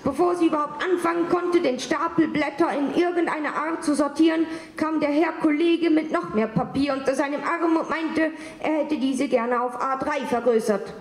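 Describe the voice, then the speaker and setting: High-voiced woman slam poet, wry. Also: moderate pace, few pauses. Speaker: poetry slam performer. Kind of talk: performed comic spoken word. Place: stage in a large hall. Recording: echoey hall with faint ambience.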